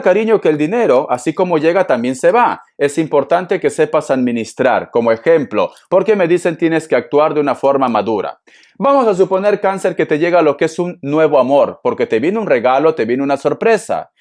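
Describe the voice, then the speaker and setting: A man's voice: a little high, a little mellow. A man giving a casual, playful tarot reading, affectionate and full of pet names, his voice a little strained. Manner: sings snatches of songs and jokes. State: voice strained by cold air. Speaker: tarot reader.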